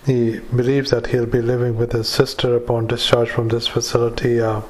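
A man with a mid-pitched, very flat voice dictates clinical notes. He speaks as a doctor would into a recorder, haltingly and matter-of-factly, with many hesitant pauses between short phrases. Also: noisy background. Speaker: doctor dictating a psychiatric evaluation. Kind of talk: medical dictation with spoken formatting cues.

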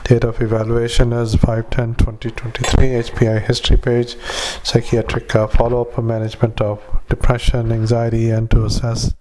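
A doctor dictating notes into a dictaphone recording in a halting, flat manner, with many filler pauses, spelling words out and saying punctuation aloud. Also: male voice, medium pitch, a little hiss or hum, low-quality recording. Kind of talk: medical dictation.

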